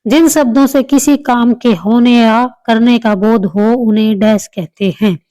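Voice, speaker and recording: A woman's voice: a little high, mellow, no echo, poor audio. A woman teaching an exam-prep grammar lesson, explaining step by step and repeating answers.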